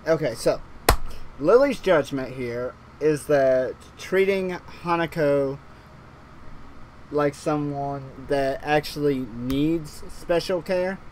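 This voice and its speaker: A man with a fairly high voice chats through a visual novel stream, rambling and restarting his sentences and breaking into laughter often. A faint hiss sits under the recording. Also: slow, a little mellow. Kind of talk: casual let's-play chat.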